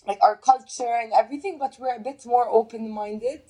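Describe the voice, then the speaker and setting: A woman's voice: a little high, fairly quick, warm tone, breathy edge, low-quality recording. A young woman from Jordan, a fashion influencer, answering interview questions hesitantly with many fillers. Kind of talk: casual interview chat.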